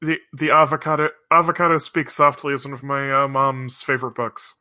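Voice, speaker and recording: A man's voice: medium pitch, fairly even intonation, a little fast, sharp tone. A man chatting casually on a podcast about a video game, stumbling and restarting his sentences. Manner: hesitant, restarts often. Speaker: podcast co-host. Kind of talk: casual chat.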